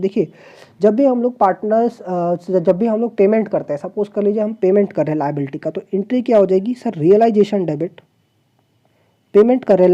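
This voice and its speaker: Woman commerce tutor, deep mellow tone, quizzes students rhetorically, muffled lo-fi audio. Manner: explains step by step, asks the class rhetorical questions; mixes English terms into Hindi explanation. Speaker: commerce teacher. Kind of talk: online exam-prep class.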